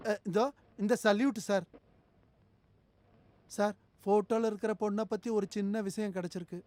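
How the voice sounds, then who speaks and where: An actor playing a bumbling, fearful police constable who stammers and talks nervously, from a dubbed film. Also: male voice, high-pitched, steady tone, normal speed, a little mellow, no room sound, natural voice. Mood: nervous chatter. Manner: nervous, stammering, eager to please.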